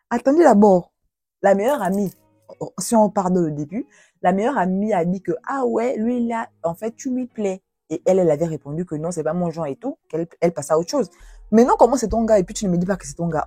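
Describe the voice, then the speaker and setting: A young woman YouTuber telling viewers' love stories and reacting to them in an expressive, exclaiming way. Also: lowish voice, fast talker, husky, no room sound. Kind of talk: storytelling with commentary.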